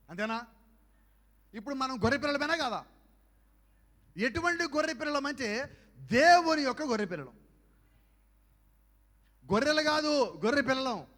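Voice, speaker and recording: A man preaching to a youth camp in a big hall, his voice very high and bright, with long reverb trailing every phrase. He keeps throwing rhetorical questions at the crowd and swings from quiet asides to loud exhortation. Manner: fires rhetorical questions at the audience. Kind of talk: evangelical youth sermon.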